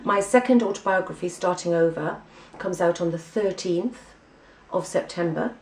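A woman's voice: lowish voice, moderate pace, a little mellow, echoey room, recorded from a distance, a little hiss or hum, low-quality recording. A woman with an English accent giving a breezy, chatty catch-up to camera, full of ums. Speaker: vlogger giving a personal catch-up. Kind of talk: casual chat to camera.

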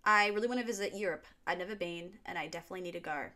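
A young Australian woman talking straight to a desk camera in a small room at home. She chats in a loose, animated way, hands moving as she talks, answering viewer questions like she's catching up with friends. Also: lowish voice, very fast. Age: 20s. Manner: chatty and animated, gesturing with her hands. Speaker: YouTube music reaction host. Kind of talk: casual Q&A vlog.

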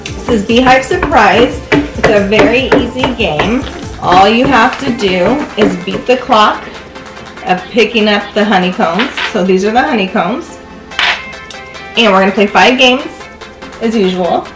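A woman, a mother, chatting playfully and in an animated way with a young child while playing a game. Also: mid-range voice, measured pace. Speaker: mother co-hosting a family toy channel. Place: indoor room at a table, echoey. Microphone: camera a short distance away. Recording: roomy echo, music behind.

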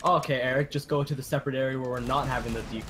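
A man in casual gaming chat with friends, animated and calling out directions over loud game noise. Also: mid-range voice, very fast. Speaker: online game player.

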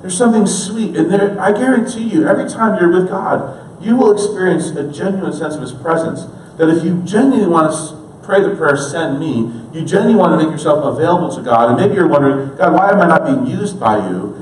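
A man in his thirties preaches in a high-leaning voice, earnest, dropping to a hush and then building back up. He sounds a little away from the mic, in a big roomy hall. Faint background ambience is heard under his voice. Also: brisk, few pauses, slight background noise. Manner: earnest, swings from hushed to emphatic. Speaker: pastor. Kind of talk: sermon. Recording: roomy, distant church recording.

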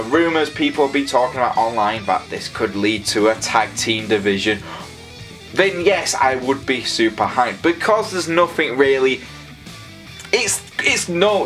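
A young man hosting a casual predictions vlog, excitable and rambling as he talks straight to his viewers. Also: medium pitch. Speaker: wrestling predictions host.

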